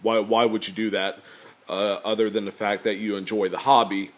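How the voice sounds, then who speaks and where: This Californian coin YouTuber, deep-voiced and a touch nasal, rambles easily to his audience without hurrying, his pauses filled with ums and uhs. He speaks casually to a camera trained on the table, never appearing on screen himself.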